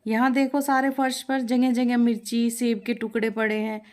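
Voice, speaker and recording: A woman's voice: mid-range voice, a little slow, natural voice. A woman voicing a grumpy mother-in-law who scolds and complains about a pet parrot. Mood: irritated.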